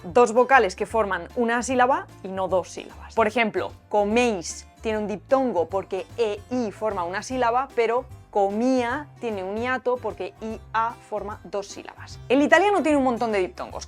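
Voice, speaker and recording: Woman explaining, bright pitch. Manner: clear, explanatory, playful asides. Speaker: language educator. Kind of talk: educational explainer video.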